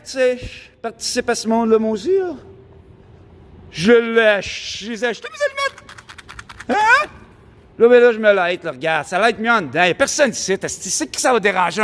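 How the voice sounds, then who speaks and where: A man's voice: very high-pitched, a bit bright. A man with a Québécois French accent, rambling preachily and grandiosely in a street vlog monologue recorded outdoors downtown. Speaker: vlogger.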